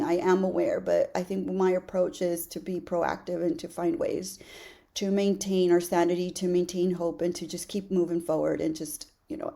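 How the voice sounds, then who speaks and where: A woman's voice: on the low side, vocal fry, dark tone. A woman in her late forties hosting her own podcast, talking earnestly and encouragingly to her listeners, often restarting with "you know" and repeated words. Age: 40s. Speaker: podcast host. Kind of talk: casual solo podcast talk.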